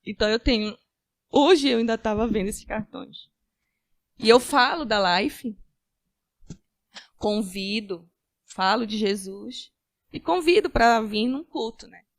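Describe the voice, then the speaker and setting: A woman giving a personal faith-filled testimony as a podcast guest, earnest, with halting restarts. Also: fairly high pitch, no room sound, clean studio sound. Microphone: studio podcast mic.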